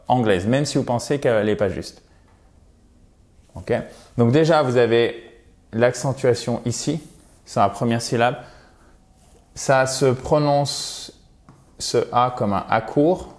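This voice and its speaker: A man's voice: medium pitch, darkish tone. A man giving a casual video lesson on English pronunciation, explaining step by step and checking in with "ok?" as he goes. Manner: chatty, explains step by step with frequent "ok?" and "d'accord?"; models English sounds by repeating them. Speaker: English teacher.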